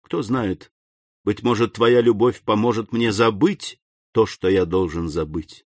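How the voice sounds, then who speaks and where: A man reading aloud and voicing a grave, restrained nobleman who speaks low and solemnly. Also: unhurried, no echo. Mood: tender, grave.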